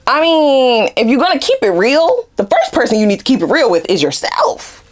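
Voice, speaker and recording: A woman's voice: high-pitched, moderate pace. A woman giving a casual tarot reading, giggling often and swearing freely as she talks to her viewers. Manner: giggly, animated, frequent swearing. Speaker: tarot reader.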